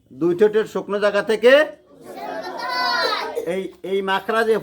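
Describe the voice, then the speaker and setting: A Quran teacher, slowly drilling a class on letter sounds and urging them to repeat louder. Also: mid-range voice. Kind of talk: classroom lesson on letter pronunciation. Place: noisy classroom with students. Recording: noisy classroom with crowd chatter.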